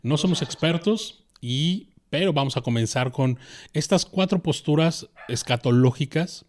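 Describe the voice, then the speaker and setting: A man's voice: on the high side, animated, a little slow. A man hosting a podcast, chiming in with short, affirming remarks and questions. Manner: brief, affirming interjections. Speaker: podcast host. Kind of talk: casual theological discussion.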